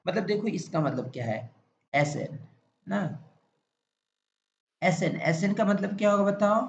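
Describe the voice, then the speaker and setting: A man with an Indian accent teaching a maths lecture in a classroom, repeatedly asking questions and answering them himself in a drawn-out explanatory way. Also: high-pitched, lively intonation, creaky. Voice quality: repetitive, drawn-out explanatory delivery. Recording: echoey, muffled classroom recording with faint noise.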